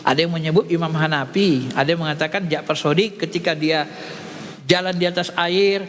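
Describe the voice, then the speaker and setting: A man's voice: a little high, fairly quick, big-room sound, slight background noise. A man teaching in a sermon, telling stories with animation and acting out the dialogue himself. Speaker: religious teacher.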